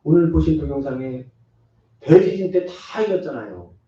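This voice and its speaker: A man's voice: fairly high pitch, expressive, moderate pace, mellow. A male pastor giving an earnest, emphatic sermon, acting out little quoted exchanges as he goes. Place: church sanctuary. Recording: echoey church hall from far off, dull sound.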